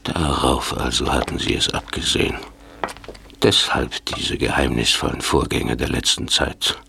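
An actor playing an indignant elderly professor in a children's detective audio drama, with a gravelly, husky voice and formal, reproachful delivery. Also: male voice, very deep voice, fairly even intonation, measured pace, noisy background, full character voice. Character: indignant elderly male professor, shocked by his colleague.

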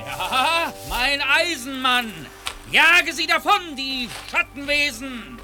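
An actor playing an eccentric, grandiose and mysterious inventor in an audio drama, with theatrical, drawn-out pronouncements. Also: male voice, medium pitch, sing-song, pushed and bright, soft background music, full character voice. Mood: exalted. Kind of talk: German audio drama acting.

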